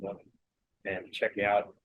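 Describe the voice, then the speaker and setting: A young mixed-media artist from North Carolina gives a relaxed demo in his indoor home studio, nasal from a cold and chatting loosely with many fillers and restarts. His lowish, husky voice moves at a measured pace. Recorded over earbuds, the audio is dry, narrow and tinny.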